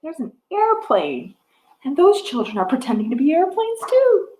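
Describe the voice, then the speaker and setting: A woman hosts a children's storytime, reading to toddlers in a high, very lively voice. She goes slowly and sing-song, stopping to put simple questions to the little ones. The room around her sounds echoey. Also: slight background noise. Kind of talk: reading a picture book aloud to toddlers, with sing-along and chat. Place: wood-floored living room with a piano, indoors. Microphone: webcam or device mic at about arm's length. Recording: echoey room, device microphone.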